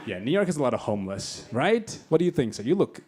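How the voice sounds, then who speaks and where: A man's voice: mid-range voice, sing-song, fast talker, very noisy. Brash young man from Bangladesh doing stand-up. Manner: brash, crass, teasing banter with the crowd. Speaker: stand-up comedian. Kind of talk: stand-up set with crowd work. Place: comedy club stage. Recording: club set with roaring crowd laughter. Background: loud audience laughter.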